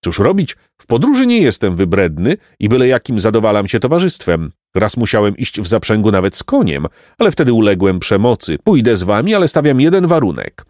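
A man's voice: lowish voice, wildly swooping pitch, brisk, hardly any pauses, a little mellow, no echo, clean studio sound. A man voicing a pompous, stubborn male donkey who fancies himself a philosopher, in a lofty, ponderous storybook manner. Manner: lofty, ponderous, self-important. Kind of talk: audiobook reading of a children's tale.

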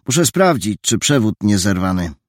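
A man playing a carefree young prankster in a storybook, calling out loud and high over his usual low, husky voice. The tone is cheerful and breezy. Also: very animated, normal speed, no echo, studio quality. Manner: calls out loudly, raised voice.

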